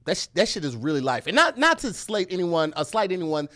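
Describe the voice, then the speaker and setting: A man's voice: high voice, sing-song, fairly quick, sharp tone. An American man chatting casually, slangy and emphatic. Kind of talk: casual chat.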